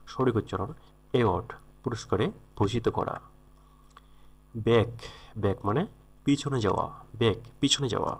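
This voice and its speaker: A man teaching English vocabulary, repeating each word and its meaning and correcting pronunciation. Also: lowish voice. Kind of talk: vocabulary lesson.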